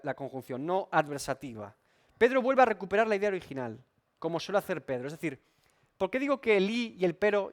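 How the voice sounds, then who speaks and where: Emphatic high-voiced pastor. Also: male voice. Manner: emphatic, repeats and rephrases points, asks rhetorical questions. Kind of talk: expository Bible study sermon.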